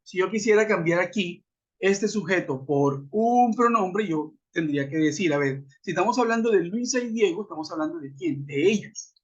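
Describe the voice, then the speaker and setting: A man's voice: sits high, expressive, moderate pace. A man teaching an online English grammar lesson, methodical, spelling out letters and asking his class questions. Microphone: web conference audio. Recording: dull lo-fi web call audio.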